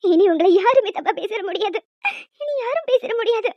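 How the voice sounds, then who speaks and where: A woman voicing an emotional young wife in a cartoon story, high and childlike, breaking into sobs. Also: lively intonation, a little fast, no echo. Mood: tearful joy. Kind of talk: cartoon voice acting. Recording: dull lo-fi audio with faint music.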